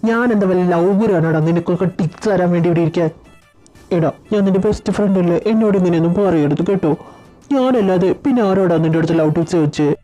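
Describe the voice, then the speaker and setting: A woman's voice: fairly low pitch, fast talker, warm tone, lo-fi sound, faint music behind, lightly acted. A woman voicing anxious young men bantering and pleading with friends in a fan audio drama. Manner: pleading, exasperated chatter.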